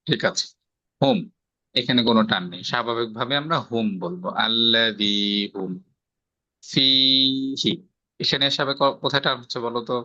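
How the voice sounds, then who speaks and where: Bangladeshi guy teaching tajweed, super bright crisp voice, dry kinda dull recording, keeps asking "right?". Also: medium pitch, fast, dry recording. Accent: Bangladeshi Bengali. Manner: explains step by step, checks for understanding with rhetorical questions. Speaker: Quran recitation teacher. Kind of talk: patient tajweed lesson, quizzing a student. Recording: slightly dull, dry lo-fi sound.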